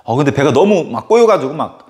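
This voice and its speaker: A male history teacher tells a story casually during a lecture, animated and full of fillers. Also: a little high, fast talker.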